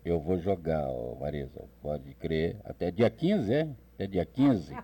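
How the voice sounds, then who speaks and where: A man's voice: sits low, expressive, measured pace, warm tone, slightly rough. A man at a radio studio, talking into a cup for a joke, so his voice comes out hollow and muffled.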